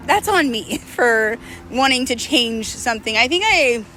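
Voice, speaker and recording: Out walking with city traffic clearly audible, a woman in her 30s vlogs a candid, confessional chat and reflects as she goes. Her slightly high voice is expressive, unhurried and bright with a forceful tone, though the recording itself is rough.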